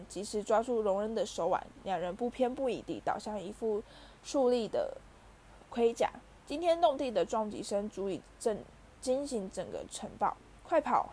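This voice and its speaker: A woman reading a storybook aloud as narrator, lively and voicing the characters. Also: mid-range voice, a little hiss or hum. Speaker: audiobook reader.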